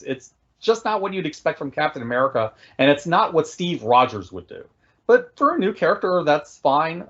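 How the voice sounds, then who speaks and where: A man co-hosting a podcast, speaking in a measured, reflective way with frequent pauses to think. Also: fairly high pitch, muffled recording. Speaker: podcast co-host. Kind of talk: casual podcast discussion.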